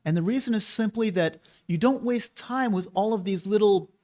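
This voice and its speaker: The host of a board game channel delivers a casual opinion monologue, addressing the viewer persuasively and posing rhetorical questions. His voice sits high, with a normal speed and a darkish tone.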